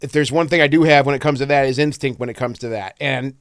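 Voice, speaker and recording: A man's voice: medium pitch, quick pace, no room sound, studio quality. A man co-hosting a film podcast, talking in a profane, heated rant. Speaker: podcast co-host. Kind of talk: casual film chat.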